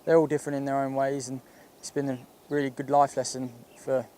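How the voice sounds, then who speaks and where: A man's voice: mid-range voice, level tone, brisk, mellow, slight background noise. A man, a professional golfer, giving reflective interview answers.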